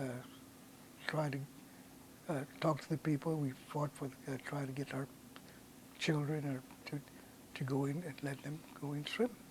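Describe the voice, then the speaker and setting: Older male interviewee, higher pitch, faint noise behind, earnest and repetitive. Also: darkish tone, poor audio. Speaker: community veteran interviewee. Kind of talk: oral history recollection.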